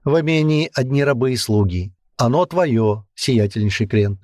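A man voicing a sly hooded male adviser who speaks in a measured, quiet way. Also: expressive, no echo, studio quality, lightly acted. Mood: calm. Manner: measured, low-key.

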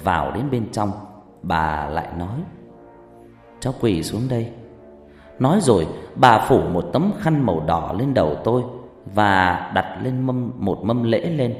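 A man narrating a horror story in a hushed, suspenseful way. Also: fairly low pitch, very animated, a little slow. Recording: reverberant hall with background music.

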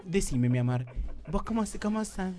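A man's voice: high-pitched, animated, normal speed, mellow. A man with a Rioplatense Spanish accent hosting a comedic radio talk show, playful and teasing, often stammering and repeating words.

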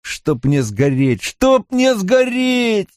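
A frantic young man, as a male narrator puts him on, cursing and exclaiming in a high, jumpy voice. His lines lurch up and down in pitch. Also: sing-song, normal speed, a little mellow, no echo, studio quality. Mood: panicky.

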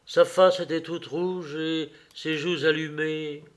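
A man narrating a classic novel as an audiobook, in a measured, expressive storytelling manner. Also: a little high. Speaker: audiobook reader.

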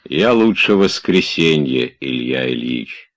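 A man's voice: extremely low pitch, lively intonation, takes it slowly, fairly bright tone, full character voice. A man voicing a stubborn, grumbling old manservant who drawls his excuses. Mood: puzzled. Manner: lazy, sullen, drawling.

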